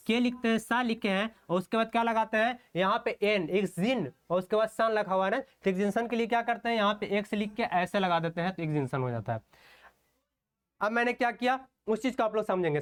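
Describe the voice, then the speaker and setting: A man's voice: high voice, clean tone. A man teaching an online shorthand class, walking through strokes step by step, often asking rhetorical questions and checking in with "okay". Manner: slow, step-by-step explanation while writing strokes.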